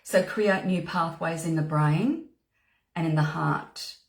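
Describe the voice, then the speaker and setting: A woman who is a spiritual mentor and psychic medium gives an earnest motivational talk, filling it with "you know" and "okay" and repeating words for emphasis. Her voice sits low and creaky, she speaks slowly, and the sound is reverberant.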